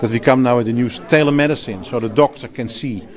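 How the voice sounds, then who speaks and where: A fast-talking man with a medium-pitched voice and a Dutch accent is interviewed at a crowded event. He's a Netherlands-based healthcare executive and clinician who speaks emphatically, laughs easily, and restarts phrases.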